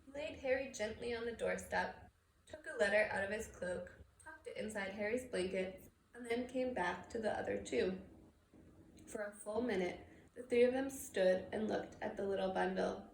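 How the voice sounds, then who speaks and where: A woman's voice: medium pitch, normal speed, vocal fry. Echoey woman reading a story aloud. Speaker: storybook reader. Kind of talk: expressive read-aloud narration of a novel. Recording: echoey room with background noise.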